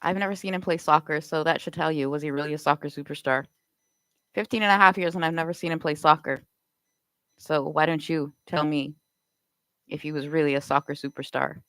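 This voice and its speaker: A woman's voice: low-pitched, steady tone, a little fast, fairly bright tone, clear, resonant tone, no room sound, rough recording. A Canadian woman live streaming, firing off accusatory rhetorical questions in a confrontational rant.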